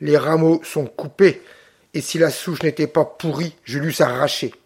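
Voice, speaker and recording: A man's voice: fairly high pitch, a little slow, darkish tone. A man voicing a proud young Corsican woman who speaks with icy composure. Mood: cold.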